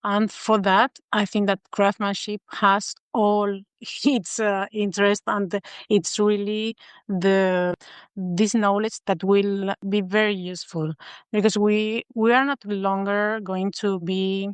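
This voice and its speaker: A Spanish-accented woman talks as an interview guest, thoughtful and measured, with frequent small pauses. Her voice sits at a middle pitch and the sound is dry and close, with no room around it. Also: level tone, clean tone, no echo. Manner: thoughtful, many filler pauses. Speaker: guest designer. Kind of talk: podcast interview.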